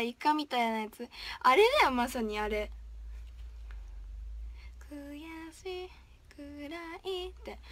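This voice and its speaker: A woman's voice: sits high, a bit bright. A young woman idol chatting casually on a livestream, reading viewer comments aloud in a playful way and often dropping to a whisper. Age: young, still a student.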